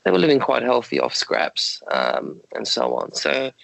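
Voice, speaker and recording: A man with a croaky voice, giving measured, explanatory answers as a podcast guest. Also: mid-range voice, huge pitch swings, a bit bright, no echo, poor audio. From Australia. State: croaky voice, late at night. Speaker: guest, dog health advocate.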